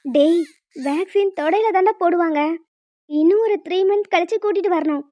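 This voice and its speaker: A woman voicing a brisk, matter-of-fact young doctor in a cartoon, a little teasing. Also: very high-pitched, dark tone, dry recording. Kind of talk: cartoon voice acting.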